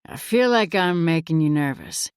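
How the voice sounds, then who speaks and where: Teasing laid-back surfer dad, low and relaxed, as a female narrator puts him on; dry, close read. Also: normal speed, clear, resonant tone, no echo, natural voice. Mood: easy teasing. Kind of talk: audiobook character voice.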